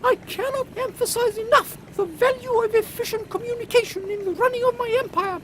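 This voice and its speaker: A woman's voice: very high voice, brisk, a bit bright, slight background noise, low-quality recording. A woman playing an imperious, theatrical queen in an audio drama comedy, haughty, exclamatory and grandly regal. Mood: regal, whimsical. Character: imperious, theatrical Queen Victoria, female monarch.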